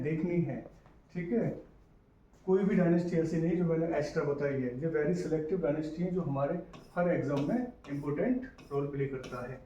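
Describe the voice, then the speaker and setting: A male history teacher giving a casual exam-prep lecture in mix, often checking in with his students by asking whether things are clear. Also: on the high side, warm tone, lo-fi sound. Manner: repetitive, checks in with "clear guys?". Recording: echoey room, distant mic, faint hiss.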